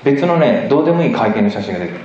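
A man giving an emphatic, animated public lecture with slides, often asking the audience questions. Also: medium pitch, very fast. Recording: echoey hall, dull lo-fi recording.

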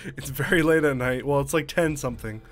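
A gaming YouTuber in his thirties with a Canadian accent gives jokey, reactive let's play commentary, swearing along the way. His medium-pitched voice is brisk, with game music in the background.

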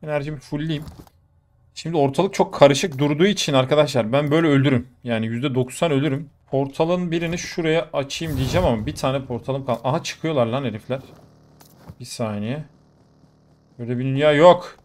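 A young man commentating his own gameplay live, excitable and quick to exclaim and swear in the middle of fights. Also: medium pitch. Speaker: gaming YouTuber. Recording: faint game noise behind. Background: gunfire from the game.

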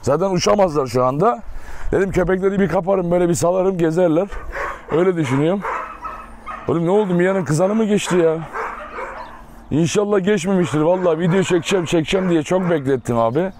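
A high-pitched man talking casually to his viewers while he walks around an outdoor kennel yard. He chats on and coaxes his dogs as he goes. Dogs bark behind him and there is clear background noise. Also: fast talker. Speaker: dog breeder vlogger. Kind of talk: casual vlog talk to viewers. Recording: outdoor clip with noise and barking.

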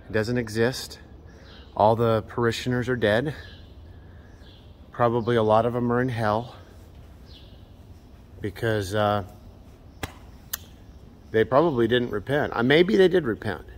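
Man, 30s, earnest preachy vlogger, low voice, faint outdoor noise, phone at arm's length. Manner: earnest, preachy, many filler "uh"s. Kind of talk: outdoor walking vlog with preaching. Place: outdoor ancient ruins, open hillside. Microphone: phone held at arm's length.

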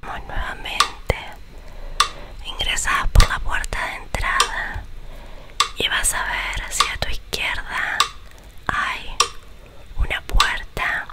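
Young woman, Rioplatense accent, for whispered ASMR guided relaxation; very slow, soothing instructions, close on the mic. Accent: Rioplatense Spanish. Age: young adult. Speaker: ASMR host guiding a relaxation visualization. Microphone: close large studio microphone.

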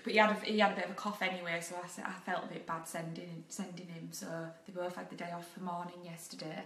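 A woman's voice: on the low side, little pitch movement, fast, fairly bright tone. A young woman, rambling and laughing through a casual live video chat. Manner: chatty, rambling, laughs often. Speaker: vlogger. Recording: echoey room, faint noise.

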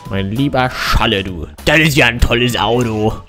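A man acting as an old grandpa gamer in his sixties, mid-pitched, with old-fashioned endearments and battle-front talk. Game music plays behind him as he chats in a fatherly, excitable way. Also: normal speed, natural voice. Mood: fond, chatty. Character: jolly 65-year-old war veteran grandpa gamer. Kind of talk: in-character prank chat while gaming.

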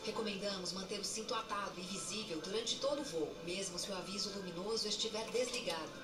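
A woman with a Brazilian Portuguese accent reads an in-flight safety announcement over the aircraft cabin PA in a formal, measured way. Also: medium pitch. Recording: echoey PA, distant, music behind.

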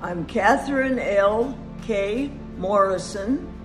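Elderly woman, slow deliberate speech, sincere, music behind. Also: medium pitch. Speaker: interviewee, former shipyard worker. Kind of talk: personal testimony.

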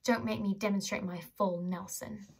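A woman voicing a brash young female bodyguard who talks loud and mocking. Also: mid-range voice, steady tone, normal speed, vocal fry, husky.

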